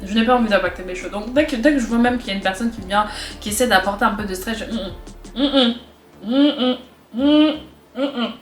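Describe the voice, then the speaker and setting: A young woman vlogger with a stuffy cold talks casually to camera, chatty and repeating phrases for emphasis. Her voice is on the high side and brisk, recorded in an echoey room with faint music behind.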